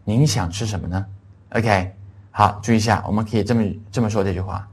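A middle-aged man giving an English lesson, spelling words out letter by letter and repeating phrases slowly for students to follow. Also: lowish voice, fairly even intonation, breathy edge. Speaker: English teacher. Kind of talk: classroom language lesson.

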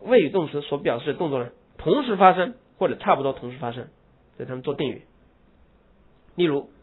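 Husky man giving a grammar lesson. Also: on the high side. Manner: explains in Mandarin, drawls English example phrases slowly with heavy stress; rhetorical questions answered himself. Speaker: English grammar teacher. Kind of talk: classroom grammar lecture. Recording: tinny phone-like lo-fi recording.

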